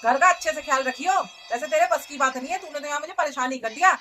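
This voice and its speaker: A woman's voice: high-pitched, fast talker, sharp tone, a little hiss or hum. A woman playing a stingy, bossy older mother-in-law who nags and scolds in a comedy skit. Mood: complaining. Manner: nagging, scolding, ends lines with a taunting question.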